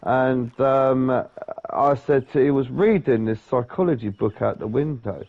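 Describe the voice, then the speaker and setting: A man's voice: mid-range voice, measured pace. A man telling a long story in casual chat, rambling and swearing, often checking in with "yeah?". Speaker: podcast co-host. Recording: dull lo-fi sound.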